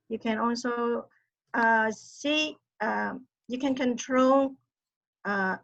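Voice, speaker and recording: A woman teacher speaks slowly over a dull, lo-fi call line. Her voice is a little high and gravelly, and she pauses often on fillers. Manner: halting, frequent fillers. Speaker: teacher, webinar participant. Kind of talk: sharing classroom experience. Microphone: computer mic on a video call.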